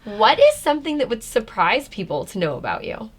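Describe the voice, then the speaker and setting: A woman's voice: on the high side, wildly swooping pitch, fairly quick. A woman hosting a casual interview, asking reflective questions and affirming her guest. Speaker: interview host.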